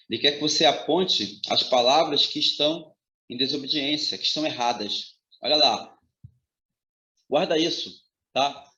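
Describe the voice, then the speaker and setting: A man's voice: mid-range voice, sharp tone. A male grammar teacher giving an exam-prep lecture, talking emphatically and checking in with his students. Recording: roomy, slightly dull audio.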